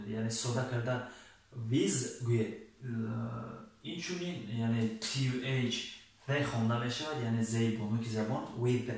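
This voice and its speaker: Tajik-accented male teacher in echoey room. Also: medium pitch. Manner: reads English examples slowly, then translates briskly. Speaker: English teacher. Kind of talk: language lesson. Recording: very echoey room, voice far from mic.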